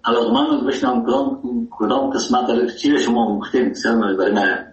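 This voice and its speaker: A man with an Afghan Dari accent, a musician guest in a radio interview, talking warmly and rambling with many hesitations. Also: medium pitch. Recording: distant, echoey, dull lo-fi line.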